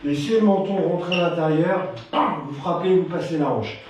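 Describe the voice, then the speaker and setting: A man's voice: on the high side, moderate pace, a little mellow, a little hiss or hum. A man teaching a live Krav Maga class, counting combinations and punctuating strikes with punchy sound effects, chatty between drills. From France. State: warm and a bit winded from training. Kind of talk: live online martial arts class. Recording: very echoey room, mic at a distance.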